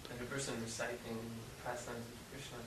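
A man's voice: medium pitch, flat delivery, brisk. A man in an audience asking questions hesitantly, searching for words as he goes. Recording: echoey, distant mic, loud noise and clicks.

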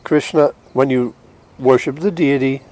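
A man giving an informal devotional lecture as a religious teacher, short of breath and halting, with restarts. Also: mid-range voice, fairly even intonation, a little mellow, poor audio.

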